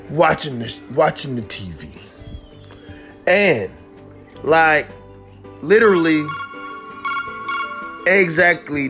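Excitable man ranting as a radio host. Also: on the high side. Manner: excitable, repetitive, peppered with "like". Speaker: host of a homemade radio-style show. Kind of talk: mock talk-radio rant.

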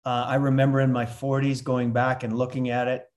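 An older man from Canada, a retired consultant turned coach, talking reflectively in a relaxed interview with many "uh"s and restarts. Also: medium pitch, brisk. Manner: reflective, with frequent fillers and restarts. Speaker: podcast guest, coach. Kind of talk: casual interview chat.

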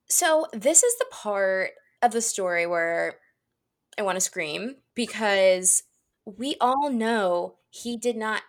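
A woman in her twenties co-hosting a podcast in casual chat, reading out news with sarcastic asides. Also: mid-range voice. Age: 20s. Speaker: podcast co-host.

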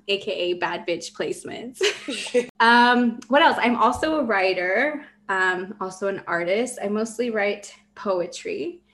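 A woman's voice: mid-range voice, a bit bright. Gushing, swearing young woman co-host. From Mexico. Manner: enthusiastic, laughing, swears casually. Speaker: podcast co-host. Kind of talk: casual chat.

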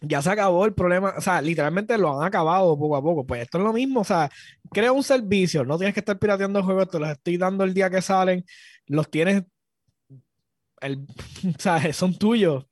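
High-voiced Puerto Rican man, animated chat. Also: fairly quick, no echo, clean studio sound. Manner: animated, frequent restarts, swears when worked up. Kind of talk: casual chat.

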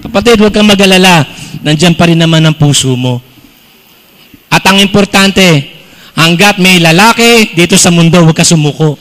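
High, bright-voiced joking Filipino pastor. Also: male voice, moderate pace, long pauses, rough recording. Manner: joking, animated preaching with call-outs to the crowd; mixes Tagalog with English phrases. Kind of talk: humorous sermon to a congregation.

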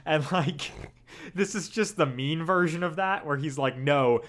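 A young man co-hosting a casual podcast, animated and quick to laugh, slipping into playful quoted voices as he talks through an episode. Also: a little high. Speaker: podcast co-host. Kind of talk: casual chat reviewing an audio drama episode.

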